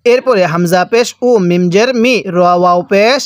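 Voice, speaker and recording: Male Quran reading teacher from Bangladesh, high voice, dry close mic, spelling drill with long drawn-out words. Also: no room sound. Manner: spells letters and vowel marks slowly, then drawls the joined word; repeats the question "how will we read it?" as a refrain. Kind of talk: step-by-step recitation lesson.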